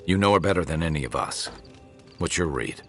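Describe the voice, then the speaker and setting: An actor playing a calm, reassuring adventurer companion in a fantasy video game. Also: male voice, a bass voice, fairly quick, faint music behind.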